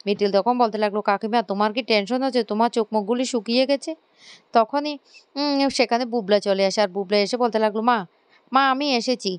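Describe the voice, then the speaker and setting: A woman retelling a TV serial episode, narrating and acting out the dialogue with quick restarts and fillers. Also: a little high, clear, resonant tone, no room sound. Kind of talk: spoken plot recap with acted dialogue.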